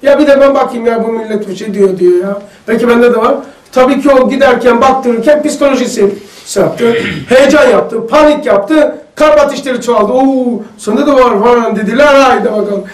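A man's voice: very high-pitched, normal speed. A man leading a casual religious study group, telling stories and asking the group questions. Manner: chatty, storytelling, asks the group questions. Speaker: religious study circle leader. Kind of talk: casual religious lesson with anecdotes. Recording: echoey room, mic far off.

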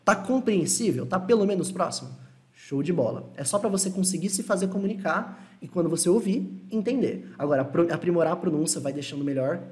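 A young man teaching an online lesson, relaxed and reassuring, repeating words slowly to model pronunciation. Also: high-pitched. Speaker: English teacher.

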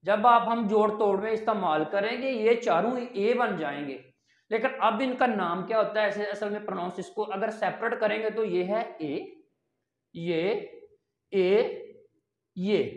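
A language teacher explains step by step, asking questions and then answering them. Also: medium pitch. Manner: counts and repeats items slowly. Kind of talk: step-by-step online language lesson. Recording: roomy echo.

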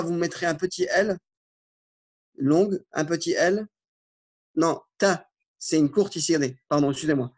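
Man, Arabic teacher, patient, repeats himself, slightly high voice, classroom lesson. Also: a little mellow, husky. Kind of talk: classroom lesson explaining exercises.

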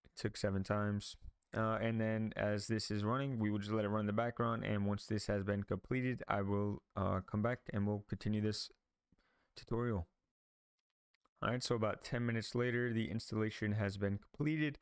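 Low, even-toned man walking through a tutorial. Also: moderate pace, clear, resonant tone, no echo, clean studio sound. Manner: casual, thinking aloud with frequent ums and restarts. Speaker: tech tutorial host. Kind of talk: screen-recorded software tutorial.

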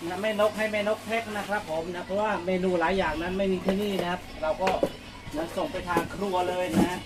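Loud music plays behind a man whose high voice holds a steady tone and moves quickly. It's casual live vlog narration: he packs orders for fans outside a coffee shop, attaching polite particles to everything he says.

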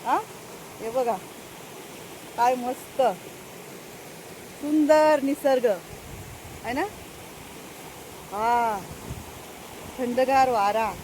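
Chatty older woman, high voice. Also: extremely slow, long pauses, a little mellow, slight background noise, low-quality recording. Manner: chatty, keeps addressing viewers, laughs often. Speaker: farm vlogger. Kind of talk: casual vlog chat. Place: outdoors on a rural farm path.

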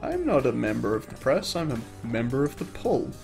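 A man's voice: medium pitch, very animated, normal speed, creaky, darkish tone, faint music behind. A man giving casual, joking live-stream commentary while he plays, laughing often. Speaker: let's play streamer.

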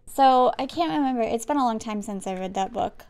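A woman's voice: a little high, fairly quick, darkish tone, clean tone. A woman gaming YouTuber doing let's-play commentary, chatty, rambling and self-deprecating.

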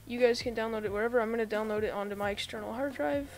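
Her voice slightly off from being sick, a woman makes a casual screen-recorded YouTube tutorial, guiding viewers step by step through setting up a computer. She speaks rapid-fire in a voice on the high side.

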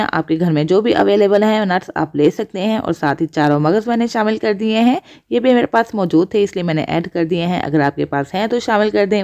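Speaking in a fairly low, dark-toned voice, a woman hosts a cooking channel. In voice-over, she walks viewers through each step of a recipe.

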